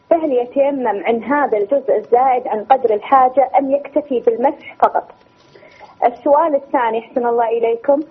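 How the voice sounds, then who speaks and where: A woman's voice: high voice, husky. A woman from Kuwait calling in, politely rattling through her questions. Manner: polite, rushed list of questions. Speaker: caller. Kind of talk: phoned-in question. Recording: tinny phone line.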